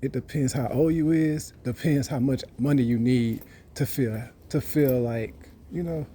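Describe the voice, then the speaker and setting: A man's voice: medium pitch, measured pace, warm tone, slight background noise. A man, rambling and boasting in a casual monologue that repeats itself. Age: 30s. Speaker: vlogger.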